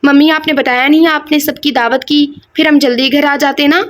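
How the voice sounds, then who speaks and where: A talkative, naive young woman in a storybook romance who rattles on innocently, voiced by a woman reader. Her voice is high and bright. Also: fairly even intonation, close to an everyday voice. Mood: chatty.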